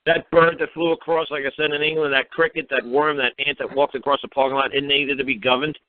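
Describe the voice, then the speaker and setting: Speaking fast in a slightly high voice with little pitch movement, a man rants emphatic, informal advice to a phone-in caller. He swears freely and throws out sarcastic rhetorical questions, and the dry recording is a narrow-band internet radio call.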